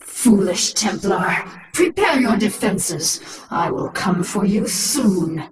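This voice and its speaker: A woman's voice: medium pitch, expressive, slow pace, reverberant, far from the mic. A woman voicing a haughty, menacing alien-infested warrior queen in a video game, imperious and taunting with theatrical delivery. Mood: defiant. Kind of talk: dramatic video game voice acting.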